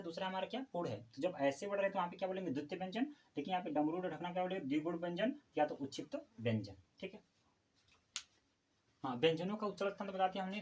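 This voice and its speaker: A man teaching a Hindi grammar lesson for exam preparation, asking questions and answering them himself and repeating key terms slowly. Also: a little high, a little hiss or hum, low-quality recording.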